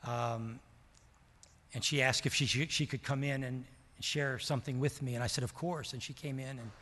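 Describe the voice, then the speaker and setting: An older man preaching a sermon, telling a story with passion and swinging from loud to hushed. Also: mid-range voice, fairly even intonation, moderate pace. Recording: long reverb of a large hall.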